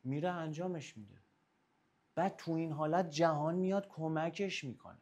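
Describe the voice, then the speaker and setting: A young man coaches his listeners on self-love and confidence. His voice sits a little high, and he slips into the voices of the people in his stories to make each point. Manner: animated storyteller acting out quoted voices. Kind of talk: motivational talk.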